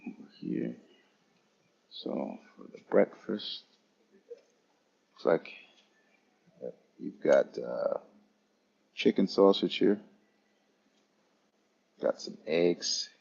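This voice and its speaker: Male travel streamer, deep husky voice, casual unhurried tour of an airport lounge. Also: expressive, a little mellow, highs cut off. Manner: casual, unhurried, talking to chat viewers. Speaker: travel vlogger. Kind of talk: live-streamed lounge walkthrough.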